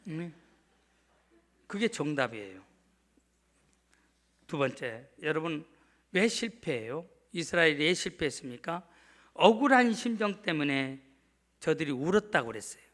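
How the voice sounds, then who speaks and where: High-voiced preaching male pastor. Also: big pitch swings, measured pace, pauses often, fairly bright tone. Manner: emphatic preaching, often prompting the congregation. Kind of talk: sermon. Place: church sanctuary.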